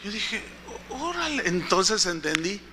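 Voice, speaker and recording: A male pastor preaches, telling a story and turning to the congregation with questions. His voice sits high for a man and rings sharp and bright. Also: animated, measured pace, slight background noise. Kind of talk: sermon.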